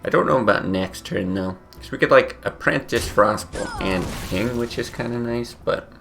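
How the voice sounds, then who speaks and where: A man's voice: mid-range voice, normal speed, gravelly, a bit bright, soft background music. A sleepy man with his morning voice, casually thinking aloud while playing a card game, with many fillers. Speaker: game streamer. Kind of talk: casual gameplay commentary.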